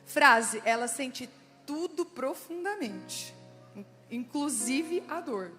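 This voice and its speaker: High-voiced Brazilian woman preaching in hall. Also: takes it slowly, soft background music. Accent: Brazilian Portuguese. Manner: animated, chatty, addresses audience directly. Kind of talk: lively church talk to women.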